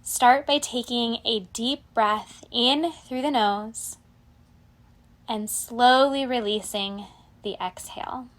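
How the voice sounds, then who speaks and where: A woman with a slightly high voice guides a relaxation meditation, calm, measured and soothing, letting each phrase trail off softly.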